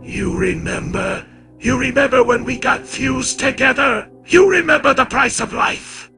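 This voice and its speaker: A man's voice: very high-pitched, measured pace, voice pushed up. A man voicing a furious, gloating giant robot warlord with harsh, strained, menacing mockery over music. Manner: menacing, mocking, shouted threats.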